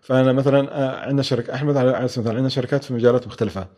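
A man speaks very quickly in an interview. His voice is dark and mellow. He stops and restarts often, with plenty of fillers between words. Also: mid-range voice, fairly even intonation. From Oman. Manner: fast, hesitant, many fillers and restarts. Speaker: guest, venture capital expert. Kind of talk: conversational interview answers.

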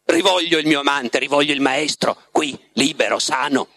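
A man's voice: mid-range voice, normal speed, bright, forceful tone. A man reading aloud as a faltering, desperate young woman. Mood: yearning. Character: desperate, devoted young woman, pleading and hesitant.

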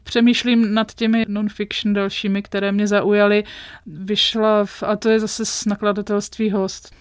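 A woman, a literary critic speaking as an interview guest, thoughtful and measured, often pausing to find her words. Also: medium pitch, level tone, dry recording, studio quality. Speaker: literary critic and magazine editor.

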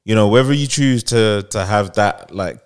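Low-pitched man, slangy casual chat. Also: clear, resonant tone. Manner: slangy, halting, emphatic repetition. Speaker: talk show co-host.

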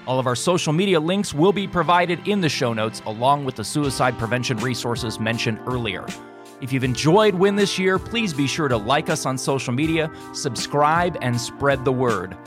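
Male podcast host, earnest and encouraging, mid pitch, faint music bed. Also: animated, normal speed. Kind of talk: podcast host wrap-up and outro.

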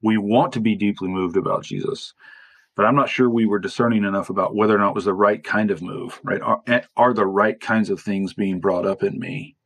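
A man with a low, gravelly voice answers interview questions in a reflective, qualifying way. He keeps checking in with "right?" as he builds each point. The sound is dry and close. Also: fairly even intonation, fairly quick, fairly bright tone, no room sound. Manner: thoughtful, qualifying with frequent "right?". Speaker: author and theologian guest.

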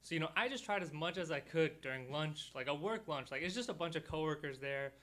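A man's voice: a little high, fairly quick. A young man hosting a podcast from a studio, chatting casually and telling stories with lots of fillers. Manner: relaxed storytelling with many fillers. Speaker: podcast host.

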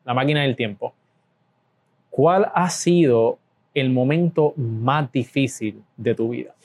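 A man hosts a relaxed interview in a mid-pitched voice. He mostly offers short prompts and sets up his questions with playful lead-ins. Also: slow pace. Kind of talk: casual interview.

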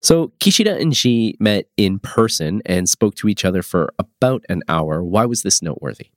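A man's voice: fairly low pitch, animated, moderate pace, no room sound, clean studio sound. A man with a nasal, stuffed-up voice from a cold, presenting and interviewing as a podcast host.

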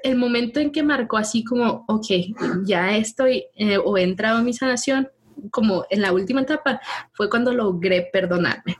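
Lively woman telling her faith story. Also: a little high, normal speed, breathy edge. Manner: animated storytelling, laughs often, acts out dialogue. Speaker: guest sharing her faith testimony. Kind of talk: personal testimony in casual conversation.

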